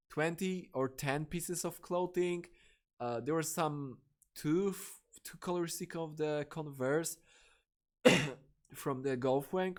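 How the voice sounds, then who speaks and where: A young man who grew up speaking tells a rambling, profanity-laced story as a casual podcast host, full of fillers and restarts. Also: mid-range voice.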